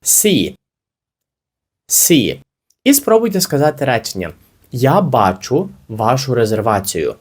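A man teaching an English lesson, explaining with energy and saying the model phrases slowly and carefully. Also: mid-range voice, sing-song, breathy edge.

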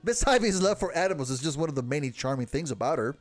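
A man's voice: fairly high pitch, animated, quick pace, soft background music, close to an everyday voice. Man voicing a flustered lovesick village guard, Manny. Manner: flustered, blurting then covering up. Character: lovesick nervous young male village guard. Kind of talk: reading game dialogue aloud.

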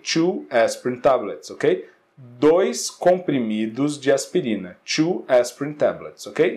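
A Brazilian man with a Brazilian Portuguese accent teaches English in a classroom style, his voice sitting a little high and moving up and down a lot. He says each English phrase slowly and carefully, then explains it in Portuguese, with a steady "né?" and "ok?" after nearly every point. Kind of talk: classroom-style lesson correcting exercises.

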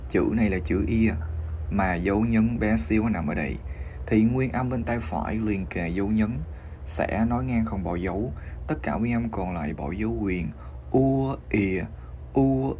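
A man with a Vietnamese accent giving a pronunciation lesson, slowly spelling out and modeling English words syllable by syllable. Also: fairly low pitch, mellow, a little hiss or hum.

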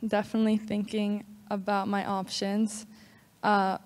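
A teenage girl, a high school basketball player, giving brief, soft-spoken answers on a handheld mic in a large sanctuary. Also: monotone, measured pace. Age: teens. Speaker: student athlete. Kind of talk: interview answer. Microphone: handheld microphone. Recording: long hall reverb.

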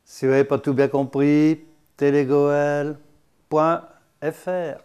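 Slow folksy man. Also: a little high, level tone, a little mellow. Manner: chatty, teasing, full of asides and laughs. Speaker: patois teacher. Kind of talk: folksy dialect lesson.

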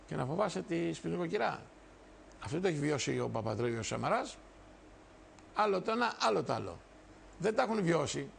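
Gravelly, emphatic older man speechifying. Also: on the high side, slight background noise. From Greece. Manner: emphatic, repetitive, addresses viewers directly. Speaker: TV show host and party leader. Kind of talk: impassioned political monologue.

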